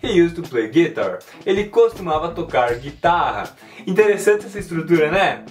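Man teaching English slowly. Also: on the high side, big pitch swings, recorded from a distance, soft background music. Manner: clear and didactic, repeats words slowly. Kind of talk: language lesson.

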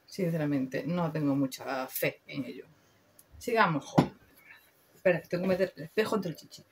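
A woman's voice: low voice, lively intonation, normal speed, creaky, heavy background noise. A young woman with a Spain Spanish accent, chatting casually and slangily through a makeup review, swearing freely. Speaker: beauty vlogger.

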